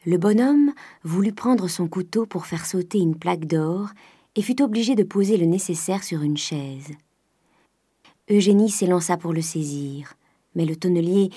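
A woman narrates a classic novel in a measured, even reading. Her voice sits low and husky. It is recorded close and dry, with no room sound. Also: dry recording. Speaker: audiobook narrator.

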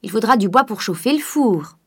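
A woman's voice: fairly high pitch, animated, normal speed, a bit bright, breathy edge, exaggerated voice. A woman voicing a blunt, stubborn female servant cook in an audiobook, speaking in an outspoken, insistent way.

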